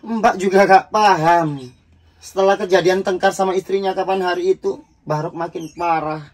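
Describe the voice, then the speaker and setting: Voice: mid-range voice, fairly even intonation, moderate pace, natural voice. A performer voicing a fretful older sister in a comedy sketch. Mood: worried. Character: worried older sister Lela, young adult woman.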